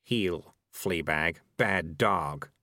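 A man's voice: low-pitched, very slow, bright, forceful tone, no room sound, voice pushed down, full character voice. A man voicing a scheming male talking cat who gives dry, bossy orders. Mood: sly.

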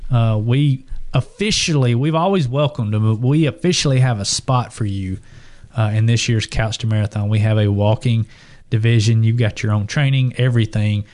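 An enthusiastic man co-hosts a casual podcast, rambling a little and restarting his sentences. His voice sits at an ordinary middle pitch for a man. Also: normal speed, darkish tone. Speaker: podcast co-host.

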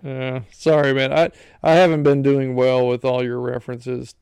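A man's voice: medium pitch, flat delivery, moderate pace, creaky, darkish tone, clean tone, dry recording, studio quality. A man hosting a casual podcast chat, tired and sleepy, with a laid-back, agreeable manner.

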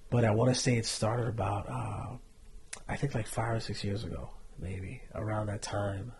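Brief: man sharing testimony, earnest and reflective, gravelly voice, faint noise behind. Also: lowish voice, steady tone, moderate pace. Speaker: podcast co-host sharing testimony. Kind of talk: candid faith testimony.

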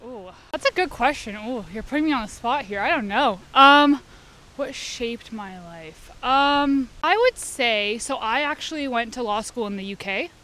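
A young adult woman from Albania, chatting casually as an interview guest with frequent fillers and quick bursts. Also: a little high, expressive, sharp tone.

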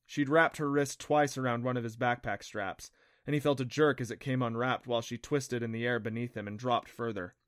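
Male narrator, audiobook, steady reading, mid pitch, dry close sound. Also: fairly quick, dry recording. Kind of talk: scripted narration.

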